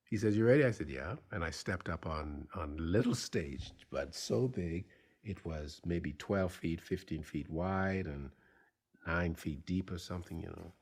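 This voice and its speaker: An older man tells a personal story at a slow, deliberate pace. His voice sits low, and he halts and restarts as he acts out the remembered dialogue. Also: vocal fry, a little mellow. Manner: measured, halting, with pauses and restarts. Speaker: speaker telling a life story.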